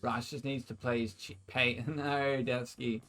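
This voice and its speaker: A man's voice: medium pitch, steady tone, a little slow, fairly bright tone, soft background music. An Australian man casting esports and chatting casually with his stream viewers, energetically hyping them up. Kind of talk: casual stream chat and play-by-play commentary.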